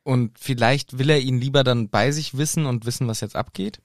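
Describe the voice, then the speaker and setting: A man's voice: mid-range voice, a little fast, dry recording, clean studio sound. A man co-hosting a podcast, casually retelling a book chapter and playfully putting on voices for quotes. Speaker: podcast co-host.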